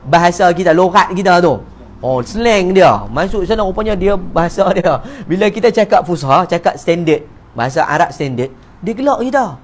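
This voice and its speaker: High-voiced Malaysian religious teacher. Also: male voice, normal speed. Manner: lively, joking, acts out little dialogues. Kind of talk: evening mosque talk. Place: neighbourhood prayer hall.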